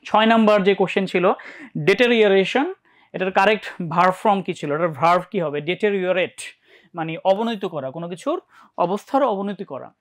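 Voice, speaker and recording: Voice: medium pitch, lively intonation, moderate pace. Bangladeshi tutor checking in with students. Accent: Bangladeshi Bengali. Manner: checks in often, asks students questions. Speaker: English admission-test teacher. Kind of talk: live online class lecture.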